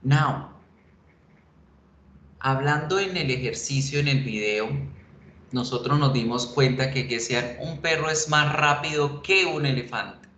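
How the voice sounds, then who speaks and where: Slow, patient male English teacher. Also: mid-range voice, fairly bright tone. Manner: patient, explains slowly and repeats examples. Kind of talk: bilingual online class lecture. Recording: echoey room with faint noise.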